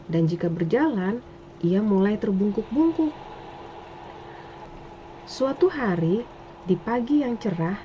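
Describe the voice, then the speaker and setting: A woman storyteller reading a scripted folktale narration. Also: mid-range voice. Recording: dull lo-fi with faint noise.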